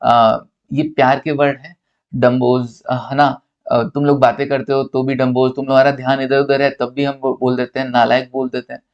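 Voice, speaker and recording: A man's voice: mid-range voice, level tone, normal speed, muffled recording. A man from India giving a recorded accountancy lecture, teasing his students playfully and asking and answering his own questions.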